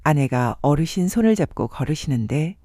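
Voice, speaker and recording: Husky, higher-pitched male storyteller. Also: big pitch swings, moderate pace, dry recording, clean studio sound. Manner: gentle, polite honorific storytelling. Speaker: radio story host. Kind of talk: storytelling narration.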